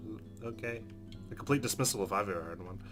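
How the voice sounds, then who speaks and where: Fairly low in pitch and fast-talking, this let's player voices a visual novel's narration with expression. He drops in wry, casual asides as game music with guitar plays in the background.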